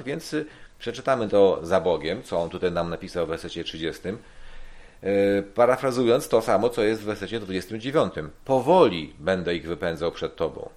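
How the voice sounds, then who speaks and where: A man with a somewhat low voice delivers a sermon-style Bible teaching. He reads a verse, then unpacks it in a steady, explanatory way. He often restates his main points. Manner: measured, explanatory, repeats key points. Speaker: preacher.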